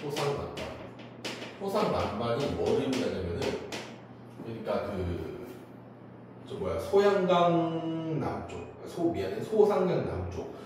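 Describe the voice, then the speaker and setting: Animated man teaching in an echoey classroom. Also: on the high side, measured pace, vocal fry, background noise. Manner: animated, asks and answers his own questions. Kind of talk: classroom lecture. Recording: distant echoey classroom recording.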